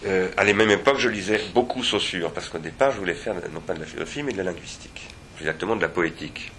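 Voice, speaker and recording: A man with a deep voice and a bright, forceful edge talks through ideas at an academic seminar. He is digressive and reflective, and often hesitates and restarts his phrases. He is speaking in a seminar room, with faint ambient noise behind him. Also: fast.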